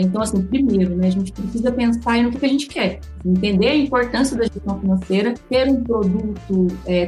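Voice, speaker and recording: Chatty woman economist. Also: mid-range voice. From Goiânia, Brazil. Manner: conversational, frequent "né" and "então, assim". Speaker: economist guest. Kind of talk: explanatory interview talk.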